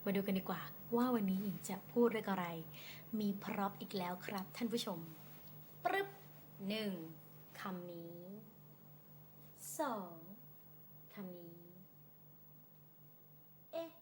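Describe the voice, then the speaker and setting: A Thai woman teaching English in a casual phone-recorded lesson, playfully drilling words slowly. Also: mid-range voice, slight background noise. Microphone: phone camera. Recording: echoey room, faint ambience.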